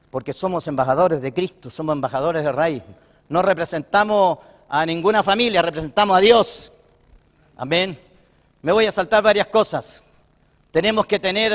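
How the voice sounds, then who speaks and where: A middle-aged man with a Chilean accent preaches to fellow pastors in a fairly high voice, talking in a folksy, brotherly way before building to fervent, loud declarations. His words ring out with a long reverb, as if the room is a large hall. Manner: folksy, keeps calling listeners "hermano". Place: church hall at a pastors' breakfast.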